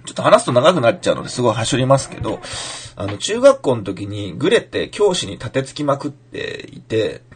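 Podcast guy from fukushima, husky voice, pitch jumps all over, drops into dialect now and then. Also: fairly quick. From Fukushima, Japan. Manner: animated, slips into Fukushima dialect when demonstrating lines. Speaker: podcast host, playwright. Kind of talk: casual podcast talk answering listener mail.

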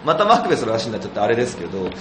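A man hosting a relaxed conversation, speaking fast with a lively, swinging pitch and frequent laughs. The room is echoey, with clear noise behind him. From Tokyo. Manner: lively, laughs often, quick and animated. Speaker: host. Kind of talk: casual chat.

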